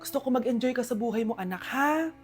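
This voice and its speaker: A woman playing a caring mother in a comedy skit, brushing off her child at first and turning soft and reassuring. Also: extremely high pitch, little pitch movement, a little fast, voice pushed up. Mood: gentle, soft. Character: caring Filipina mother, busy but loving.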